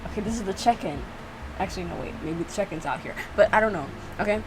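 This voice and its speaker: A young adult woman who makes gaming reaction videos gives casual, self-mocking commentary, reading lines aloud and often repeating her phrases. Her voice is medium-pitched and her pace quick, with background noise present.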